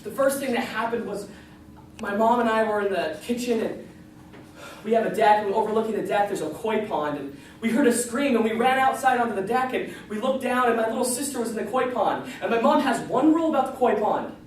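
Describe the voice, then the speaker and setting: A man's voice: high voice, brisk. A man tells a folksy tall tale in a very echoey room, picked up from a distance. His delivery is comic and dramatic, acting out the dialogue as he goes, with faint noise behind him. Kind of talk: folksy tall tale told live on stage. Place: large echoey room, live before an audience.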